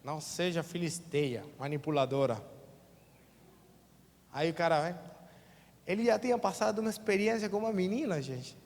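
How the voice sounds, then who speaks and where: A man's voice: a little high, moderate pace, pauses often, a little mellow. A man with a Brazilian accent preaching a sermon as pastor in a church, colloquial and acting out quotes in different voices. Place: church sanctuary. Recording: long church reverb.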